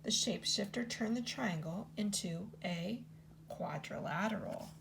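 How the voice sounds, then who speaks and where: A woman teacher reading a children's picture book aloud in an expressive storytelling style. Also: measured pace, vocal fry, a little hiss or hum. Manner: expressive read-aloud with lots of pitch movement.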